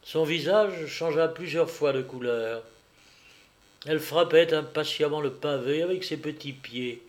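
A man narrating a classic novel as an audiobook in a measured, expressive way. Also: on the high side.

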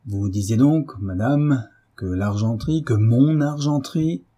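A man performs a brooding husband whose calm hides menace. The voice is dark and husky, a little raised and forceful, dropping sardonic jabs in a storybook reading. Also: mid-range voice, a little slow, lightly acted. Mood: coldly menacing. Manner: icy calm with sardonic bite. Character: brooding middle-aged husband, cold menace.

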